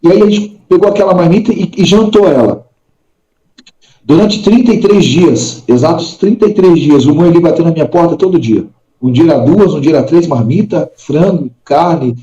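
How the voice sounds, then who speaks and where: Earnest Brazilian man, slightly high voice. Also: lively intonation, moderate pace, dark tone, reverberant. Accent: Brazilian Portuguese. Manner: earnest, acts out dialogue in the story. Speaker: podcast guest. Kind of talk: personal faith testimony. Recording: dull lo-fi sound.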